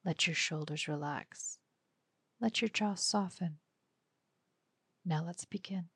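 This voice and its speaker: A woman guiding a breathing meditation, speaking softly and often whispering as she counts breaths. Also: on the low side, slow pace, husky, dry recording. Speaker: meditation guide.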